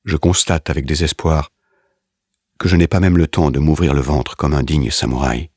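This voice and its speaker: A man narrates a dramatic story in the first person, grave and measured. His voice is extremely low and husky, recorded dry and close. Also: fairly even intonation, a little mellow, dry recording. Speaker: audiobook narrator.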